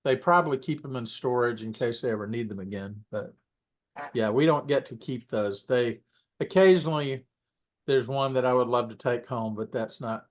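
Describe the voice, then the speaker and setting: A man reminiscing in a relaxed interview, mid-pitched and unhurried. He drifts between thoughts and corrects himself often. He keeps clearing his throat as he goes. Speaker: puppeteer guest. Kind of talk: casual interview storytelling.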